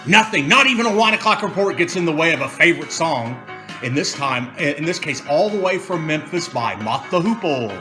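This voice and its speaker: Male wine-show host, very animated, theatrical, higher-pitched, casual, music underneath. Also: fairly quick. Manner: playful, theatrical announcing with digressions. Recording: music behind the voice.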